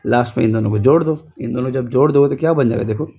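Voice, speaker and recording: A man's voice: mid-range voice, fast, lo-fi sound, noisy background. Man teaching chemistry, quizzing himself. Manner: repetitive, drills students with rhetorical questions. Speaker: chemistry tutor. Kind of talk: casual recorded lesson. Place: home.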